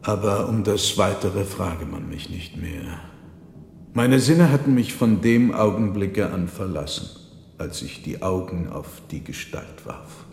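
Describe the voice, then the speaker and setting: A man narrating a literary radio play in a slow, measured storytelling manner. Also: deep voice, lively intonation, creaky, a little mellow. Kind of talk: scripted literary reading for radio. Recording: roomy with long reverb, faint noise.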